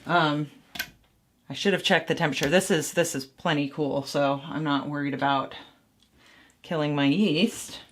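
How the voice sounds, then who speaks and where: A woman's voice: low voice, fairly even intonation, moderate pace, a little hiss or hum. A woman making mead at home and casually talking the viewer through each step, rambling and poking fun at her own mistakes. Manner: rambling, self-deprecating, thinking aloud. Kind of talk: casual how-to vlog.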